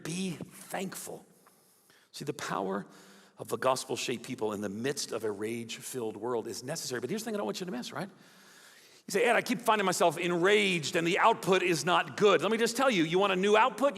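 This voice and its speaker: A man preaching a sermon as a guest speaker, animated, acting out quoted voices and dropping to soft emphatic lines. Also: sits high, gravelly. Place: large church auditorium. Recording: long hall reverb.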